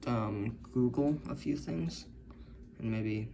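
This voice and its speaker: Recorded through a camera's built-in mic with a little hiss or hum, this man talks himself through building a circuit, unsure and hesitant, with many self-corrections. His voice is medium-pitched, slow, creaky and mellow.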